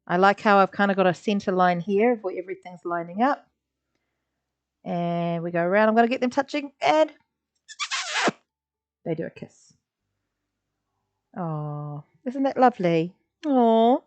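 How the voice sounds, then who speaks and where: Teaching a live online drawing session, this art teacher sounds animated, mid-range, and normally paced. Her talk is chatty and encouraging, sprinkled with little sound effects as she works, over somewhat dull lo-fi audio.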